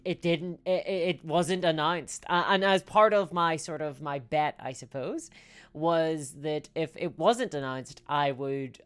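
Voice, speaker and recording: A woman's voice: low-pitched, clear, resonant tone. A woman streaming live, chatting casually and answering viewer comments in a rambling, self-mocking way.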